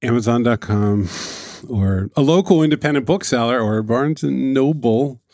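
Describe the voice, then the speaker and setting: A man's voice: mid-range voice, moderate pace, a little mellow, no room sound, clean studio sound. A man co-hosting a podcast in casual chat, jokey and rambling. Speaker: podcast co-host.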